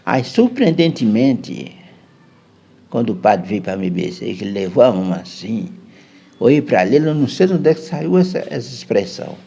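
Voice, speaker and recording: A Brazilian man tells a personal story at an unhurried pace as a podcast guest. His voice is gravelly and husky. His pitch moves in lively swings. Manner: unhurried, tags lines with "né". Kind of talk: casual storytelling chat.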